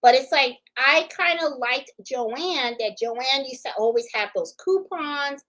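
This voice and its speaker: A woman's voice: high voice, unhurried, a bit bright, low-quality recording. A woman in her fifties hosting a casual livestream, chatting in a rambling way, laughing easily and answering viewer comments. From Puerto Rico. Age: 50s. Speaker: livestream host.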